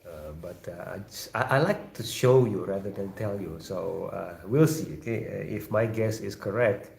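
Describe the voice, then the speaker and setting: A man with an Indonesian accent hosting a live chat room, talking casually and haltingly and often repeating short phrases. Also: sits low, gravelly, darkish tone. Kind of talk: casual chat, reading out chat messages. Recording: roomy echo, faint background noise.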